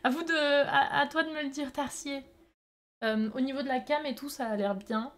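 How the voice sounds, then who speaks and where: A woman's voice: sits high, fairly even intonation, moderate pace, fairly bright tone. A woman streamer chatting casually with her viewers, hesitant and often restarting her sentences as she answers them. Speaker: live streamer making pottery.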